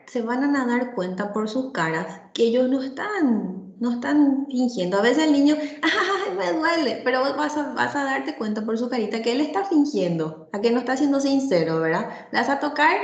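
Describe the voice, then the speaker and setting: A woman's voice: fairly high pitch, lo-fi sound. Woman lecturing in an echoey room. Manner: tags nearly every phrase with "¿verdad?" or "¿sí?"; explanatory, speaks directly to the students. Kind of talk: medical lecture.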